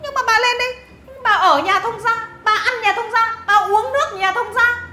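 A woman's voice: very high-pitched, moderate pace, sharp tone, echoey room, soft background music. An actress playing a scornful, bossy mother-in-law who scolds and mocks with sneering laughs. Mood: scornful scolding. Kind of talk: family drama acting.

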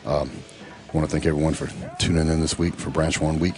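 Very deep-voiced laid-back man. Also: level tone, darkish tone, faint music behind. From Texas. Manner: laid-back, drawn-out with many fillers. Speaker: professional bodybuilder. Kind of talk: casual voice-over narration.

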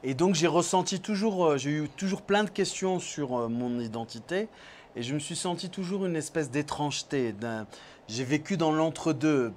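A man's voice: fairly high pitch, moderate pace, a little mellow, slight background noise. A man in his forties with a French accent, a guest answering interview questions thoughtfully, with many hesitations. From Morocco, raised in France. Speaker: guest filmmaker. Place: small studio set with brick wall. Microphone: lapel mic.

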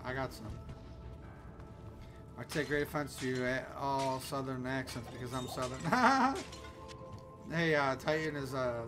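A man from the Chicago area hosting a game stream, loud and excitable and swearing now and then as he plays. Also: medium pitch, measured pace, pauses often. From Chicago area, USA. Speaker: streamer host. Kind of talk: casual gaming chat. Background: game music.

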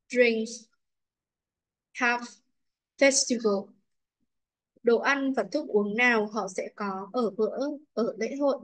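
A woman's voice: fairly high pitch, rough recording. A woman English teacher with a Vietnamese accent, going through workbook answers, reading English words and translating them.

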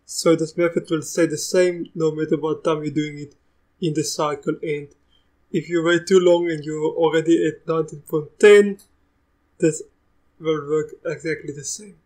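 A young man with a South African accent with some Russian in it hosts a live computer tutorial. His voice sits a bit high and stays fairly flat in melody. He chats easily and often restarts his sentences. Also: moderate pace, rough recording. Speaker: tech tutorial host. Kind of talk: live screen-recorded software tutorial.

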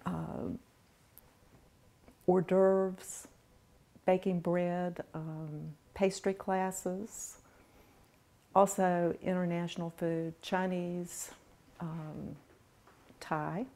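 A middle-aged woman, a home cook being interviewed in a large home kitchen, talking in a relaxed, plain-spoken way with dry humor. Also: lowish voice, very slow, creaky, long pauses. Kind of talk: casual interview.

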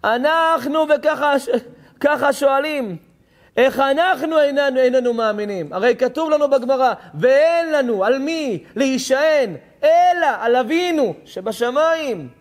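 High-voiced rabbi preaching. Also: male voice, animated. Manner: impassioned storytelling, acting out dialogue, rising to shouts. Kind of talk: sermon.

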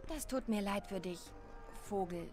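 A woman's voice: medium pitch, measured pace, natural voice. A young woman playing a dry, matter-of-fact heroine in a video game, with game music behind. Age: young adult. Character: determined young female heroine. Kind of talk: game dialogue.

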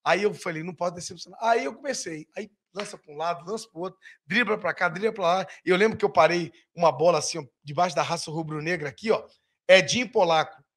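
Animated storyteller from Rio. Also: male voice, sits high, fast talker. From Brazil. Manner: animated, acts out quoted voices, swears freely. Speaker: guest, former footballer. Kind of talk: casual storytelling.

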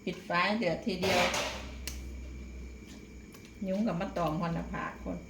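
A woman's voice: fairly low pitch, steady tone, slow pace. A middle-aged woman with an Isan Thai accent, chatting folksily to viewers as she demonstrates home cooking, with polite particles throughout. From Isan, northeastern Thailand. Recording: echoey room, clear background noise, clattering pots.

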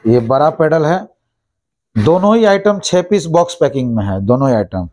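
A man in his thirties, a shop owner, listing plastic goods and their prices and repeating each price briskly, recorded indoors on a lapel mic in a small shop office. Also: a little high, sing-song, darkish tone. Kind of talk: product price rundown.

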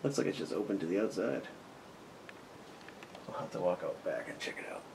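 This American man in his forties sits low in pitch, talks a little fast with big swings in intonation, and has some vocal fry. As an urban explorer vlogger, he wryly narrates a casual vlog while poking around inside and behind a derelict abandoned house, muttering to himself. The sound comes through a handheld camera mic and is noisy.

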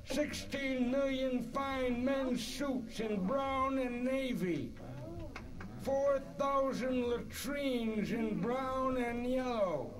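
Very high, slow auctioneer. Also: male voice, full character voice, rough recording. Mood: officious. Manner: formal, deliberate. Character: formal auctioneer reading out lots. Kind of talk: comedy sketch auction patter.

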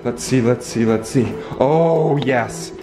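A young man vlogging excitedly in a large house, talking to a handheld camera with gasps and playful banter. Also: medium pitch, slow pace, over music. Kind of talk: excited casual vlog. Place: large bright house indoors.

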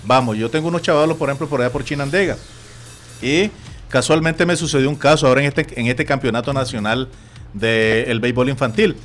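A man with a Nicaraguan Spanish accent hosting a sports radio talk show, telling stories in an animated way and acting out other people's voices. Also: medium pitch, fairly quick, soft background music. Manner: animated storytelling, acts out quoted voices. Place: radio studio.

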